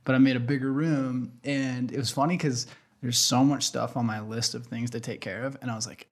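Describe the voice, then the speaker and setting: A man's voice: mid-range voice, steady tone, a little fast. An American man hosting a casual podcast in a laid-back, slangy way, recorded in an echoey empty warehouse room. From western Oregon, United States. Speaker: podcast host. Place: makeshift podcast studio in warehouse, concrete floor.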